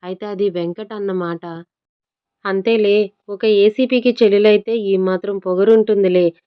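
A woman's voice: medium pitch, steady tone, normal speed, smooth, lightly acted. A woman voicing an easygoing young man who jokes lightly, on a dull lo-fi recording. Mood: teasing.

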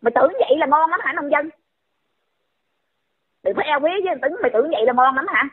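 Woman, scolding rant, high pitch, husky, phone-line sound. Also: lively intonation. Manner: scolding, insulting, rapid repeated questions. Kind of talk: heated call-out rant. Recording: tinny phone-line audio.

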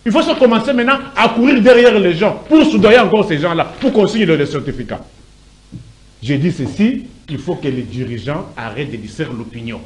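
A man's voice: on the high side, expressive, brisk, a little mellow. A middle-aged man, an indignant, emphatic panelist in a heated studio debate who stumbles over repeated words. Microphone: desk microphone.

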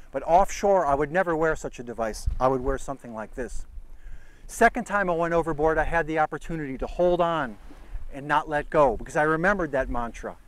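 A middle-aged man giving sailing safety instruction on the deck of a sailboat at sea, speaking in an earnest, deliberate and emphatic way. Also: on the high side, low-quality recording. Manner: earnest, deliberate, emphatic, demonstrates gear with his hands.

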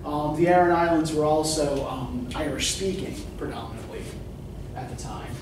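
Recorded from far off by a camera at the back of a whiteboard classroom, the audio is noisy and echoey. The speaker is a middle-aged literature professor whose voice sits on the high side, with fairly even intonation and a moderate pace, lecturing conversationally, asking students questions and saying "right?" often.

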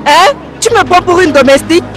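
A woman's voice: high voice, lively intonation, normal speed, a bit bright, soft background music, some chatter behind. An actress playing an arrogant young woman who bullies a street vendor. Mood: arrogant scolding. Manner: scolding, arrogant. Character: haughty young woman, bossy and scornful.

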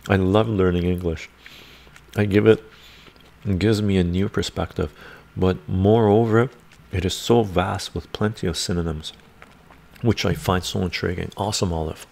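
His voice is deep and darkish, with fairly even intonation, a moderate pace, vocal fry and long pauses, and his chest sounds congested. This older man hosts a casual livestream from a book-filled room, chuckling, rambling and reading the chat into a desk microphone before him.

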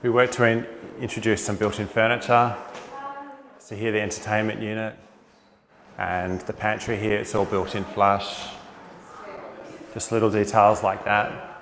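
Australian man, 40s, architect showing off a home, lowish voice, lapel mic, faint ambience. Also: level tone, unhurried, long pauses, background noise. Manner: enthusiastic, upbeat, with frequent fillers. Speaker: architect giving a house tour. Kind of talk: casual walkthrough narration. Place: inside and around a large suburban house.

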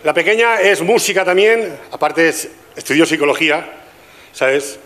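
A man's voice: a little high, animated, moderate pace, a bit bright, slight background noise. An older man from Spain with a Spanish accent, doing a chatty stand-up comedy routine at a gala and teasing the audience. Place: live stage with audience.

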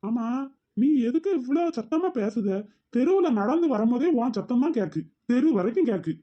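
A woman voicing an easygoing, doting father, calm and soothing. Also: a little high, normal speed, highs cut off.

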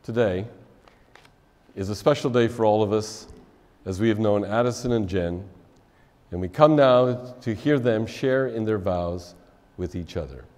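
A man in his sixties preaching a measured wedding sermon as officiant, his phrases dropping softly at their ends, in a church sanctuary. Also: fairly low pitch. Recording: long church reverb.

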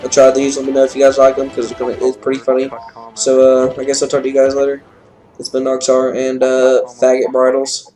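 A young woman hosting a gaming channel, giving casual, profane gameplay commentary with loud outbursts. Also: rumbling low, monotone, a little fast, soft background music. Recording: noisy game audio behind voice.

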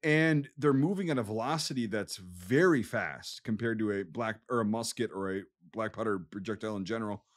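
A man's voice: lowish voice, a little fast, hardly any pauses. A man with a Wisconsin accent explaining things emphatically and with frequent swearing, in a casual podcast discussion. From Wisconsin, USA. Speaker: podcast co-host. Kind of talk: casual war history discussion.

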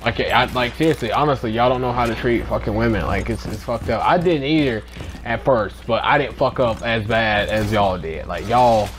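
A man's voice: medium pitch, moderate pace, a little hiss or hum. A young man talking casually to his channel's viewers in a rambling, profane way, then calling out gameplay. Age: young adult. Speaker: YouTuber. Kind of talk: casual vlog and gameplay commentary.

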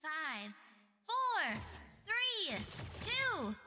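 A high, dramatic game announcer. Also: female voice, sing-song, very slow, bright, forceful tone, heavily acted. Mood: announcing. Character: female match announcer of a team shooter. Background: game music.

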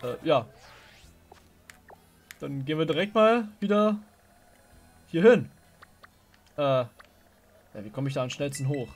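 A man's voice: on the high side, lively intonation, unhurried, long pauses. A man giving casual let's play commentary while he plays a video game. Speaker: gamer commenting on his play. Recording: game music behind the voice. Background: video game music.

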